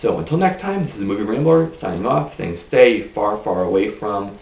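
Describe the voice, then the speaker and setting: A man's voice: fairly low pitch, animated, fairly quick, slight background noise. A man giving a blunt, opinionated, rambling movie review in a casual vlog. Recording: tinny lo-fi, roomy, mic far off.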